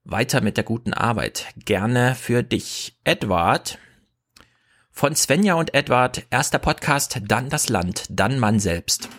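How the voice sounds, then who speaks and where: A man hosting a podcast in casual chat, reading out listener donations with wry, quick asides. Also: mid-range voice, animated, a bit bright. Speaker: podcast host.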